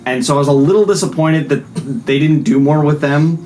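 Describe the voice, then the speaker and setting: A man hosting a casual film review chat, speaking in a halting way with repeats and rephrasing. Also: fairly high pitch, darkish tone, faint music behind, low-quality recording. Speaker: film review show host.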